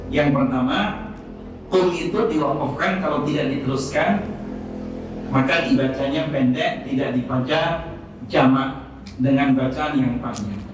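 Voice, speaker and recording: Slow-speaking man teaching in an echoey hall. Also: fairly high pitch. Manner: explains slowly, recites Arabic with melody. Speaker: religious teacher answering questions. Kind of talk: Islamic study talk, Q&A. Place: hospital hall. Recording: echoey hall, distant mic, faint noise.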